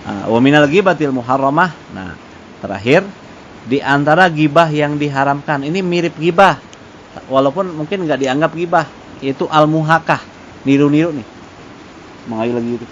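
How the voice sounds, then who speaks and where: A man teaching a religious study lesson in a relaxed, conversational way, mixing in Arabic recitation. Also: on the high side, moderate pace, long pauses. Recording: dull lo-fi with faint noise.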